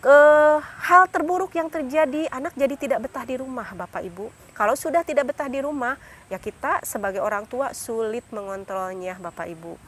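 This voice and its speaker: A woman's voice: sits high, normal speed, fairly bright tone. A young adult woman giving a seminar to parents, going through numbered points, often calling the audience "Bapak Ibu" and acting out what parents say. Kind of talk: instructive talk to parents.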